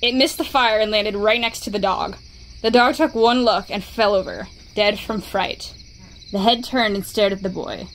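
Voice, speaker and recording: A woman tells a scary story in a steady, measured way, keeping an even pace. Her voice sits in a middle pitch over a faint hiss of background noise. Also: poor audio.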